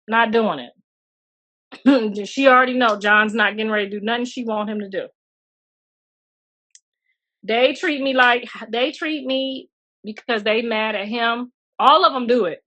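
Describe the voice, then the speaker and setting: A woman's voice: on the high side, pushed and bright. A middle-aged mother talking bluntly and chattily to viewers on her livestream, outdoors, calling them girl and honey. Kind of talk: casual livestream rant. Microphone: phone livestream.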